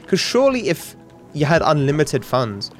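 A man streaming, rambling quickly and casually with self-deprecating asides. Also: on the high side, sing-song, soft background music.

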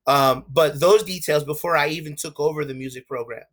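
With a brisk, somewhat high and slightly bright voice, a young man with a New York accent chats as an interview guest. He's from the USA, and his casual, candid talk is peppered with fillers and restarts.

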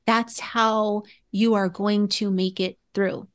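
A woman's voice: mid-range voice, level tone, takes it slowly. A woman guest in an interview, speaking earnestly and reflectively, often breaking into laughter. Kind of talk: candid interview conversation.

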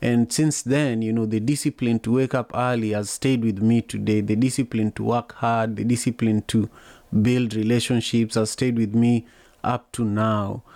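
A man from Kenya with a Kenyan accent, hosting a podcast and asking questions in a steady, conversational way with frequent fillers. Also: mid-range voice, normal speed, no room sound. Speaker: podcast host. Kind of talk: conversational interviewing.

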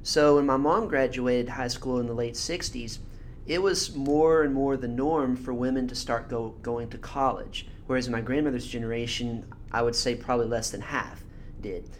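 A man's voice: medium pitch, moderate pace, slight background noise. A man hosting a podcast who speaks reflectively, thinking aloud and adding frequent murmured agreement while his guest talks. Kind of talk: casual podcast conversation.

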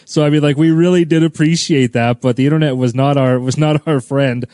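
A podcast host with a fairly high yet dark-toned voice speaks briskly and fairly evenly in studio-quality audio with no echo. His casual chat is rambling and friendly, and he often repeats words while asking questions.

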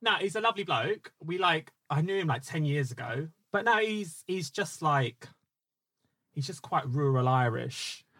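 A man's voice: a little high, lively intonation, normal speed, a bit bright, dry recording. A man with an Essex accent in casual, bantering chat, slangy and cheeky. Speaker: comedian co-host guest.

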